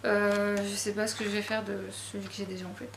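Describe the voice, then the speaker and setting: A woman's voice: mid-range voice, flat delivery, a little fast, roomy sound, slight background noise. A woman chatting casually about her latest book purchases, self-deprecating and full of fillers. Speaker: book vlogger. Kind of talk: casual book haul chat.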